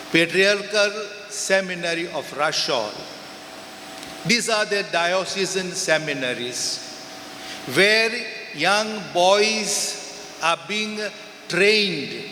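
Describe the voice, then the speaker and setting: Goan priest on a pulpit mic, bright tense voice, very slow short phrases, big echoey church. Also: male voice, high-pitched, a little hiss or hum. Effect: heard through a pulpit microphone in a church. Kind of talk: Mass reading and homily. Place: large church. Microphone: pulpit microphone over church speakers. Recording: echoey church with long reverb.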